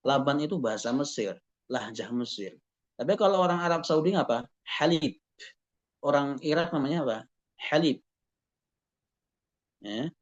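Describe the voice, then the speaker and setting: A man's voice: fairly high pitch, expressive, moderate pace, pauses often. A man giving a university lecture, explaining step by step and often tagging his points with a questioning "ya" and rhetorical questions. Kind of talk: classroom lecture. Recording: dull lo-fi recording.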